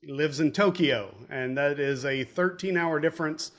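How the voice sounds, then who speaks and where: A man's voice: a little high, normal speed, fairly bright tone. A man hosting a casual interview, chatty and poking fun at himself. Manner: chatty and self-deprecating. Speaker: host.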